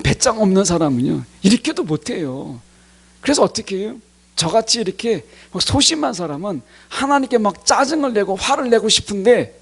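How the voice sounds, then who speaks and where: Middle-aged man, pastor, sermon delivery; breathy voice that swoops all over the place. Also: sits high. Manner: addresses the congregation directly, acting out complaints to God in quotes.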